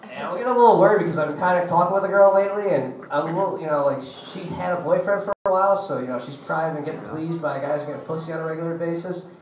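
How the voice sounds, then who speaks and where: A man's voice: fairly high pitch, very fast. A young man doing a crude, profane stand-up set in a coffee shop, rambling with lots of "like, you know". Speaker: stand-up comedian. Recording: echoey, dull, distant camera recording.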